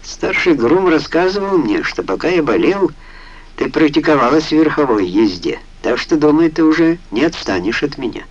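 A man's voice: fairly high pitch, sing-song, normal speed, muffled recording, pitched above the performer's own voice. Proud pasha, playful and blunt, as read by a male audiobook narrator. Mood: teasing.

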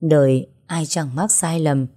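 Older male retainer, read by a woman, calm and placating, unhurried. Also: low voice. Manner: soothing, persuasive.

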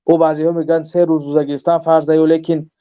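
A man's voice: on the high side, little pitch movement, warm tone, smooth, dull audio. A man with a Tajik accent giving a religious lesson, reading from a book and explaining each quoted verse in earnest, emphatic tones. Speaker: religious teacher.

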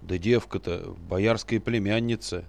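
A man's voice: fairly low pitch, fairly even intonation, measured pace, gravelly, darkish tone. A man reading a story aloud and voicing a gloomy, stubborn male captain who defends himself sullenly.

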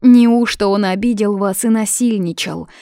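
A woman voicing a kindly, chatty maid who speaks in a gentle, reassuring way. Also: mid-range voice, moderate pace, dry recording, studio quality, pitched above the performer's own voice, natural voice. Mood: soothing.

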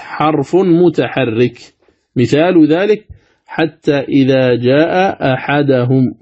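A man giving a Quran recitation lesson, explaining step by step and chanting examples with long, drawn-out vowels. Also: medium pitch, mellow, slightly rough. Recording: dull lo-fi recording.

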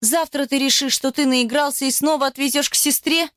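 A woman's voice: sits high, steady tone, a little fast, fairly bright tone, no room sound, clean studio sound, pitched above the performer's own voice. A woman reading a novel aloud and voicing a distraught young bride in tearful, pleading outbursts. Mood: tearful anger. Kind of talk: audiobook character voice.

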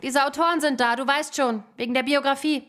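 An actress playing Harry's indignant, sharp-tongued wife Ginny in a radio play. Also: female voice, high voice, fairly even intonation, a little fast.

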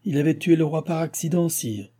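Zealous court minister, read by a man, dark, husky, pushy. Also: a little high, brisk, voice pushed up, close to an everyday voice. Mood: insistent. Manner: firm, insistent. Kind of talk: audiobook reading.

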